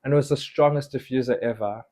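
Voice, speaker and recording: Animated young South African man. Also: mid-range voice, fast. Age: young adult. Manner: animated, quotes others in little acted lines. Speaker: guest. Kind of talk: casual storytelling interview.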